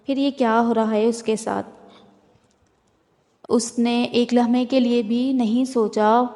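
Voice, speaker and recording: Woman reading a novel in a flat voice. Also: a little high. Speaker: novel reader. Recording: long hall reverb.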